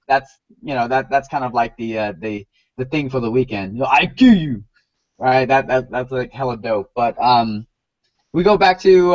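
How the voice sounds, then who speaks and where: A man's voice: medium pitch, no echo, muffled recording. A man hosting a casual podcast chat, rambling and repeating words with lots of "you know". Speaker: podcast host.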